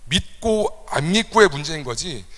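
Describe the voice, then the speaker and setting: Animated young pastor in an echoing church. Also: male voice, fairly high pitch, moderate pace. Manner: confessional, swings between soft asides and sudden loud outbursts. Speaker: youth pastor. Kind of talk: sermon. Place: church sanctuary. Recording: church hall with long reverb.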